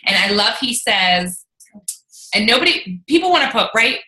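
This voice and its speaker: A woman coaching a fitness team in casual talk, energetic and rambling, laughing often. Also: mid-range voice, moderate pace. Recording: roomy echo.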